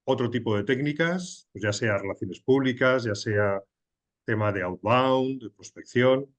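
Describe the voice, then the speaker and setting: A man's voice: mid-range voice, unhurried, lo-fi sound. A man hosting a business podcast, asking questions in a conversational way and rephrasing them as he talks. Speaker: podcast host. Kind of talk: interview questions, casual chat.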